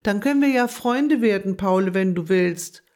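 A woman's voice: medium pitch, animated, normal speed, darkish tone, natural voice. A woman playing a plucky little dormouse girl. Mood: relieved.

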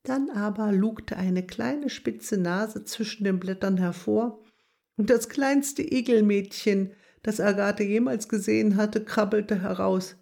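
A woman calmly narrating a children's story in a measured way. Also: mid-range voice, vocal fry.

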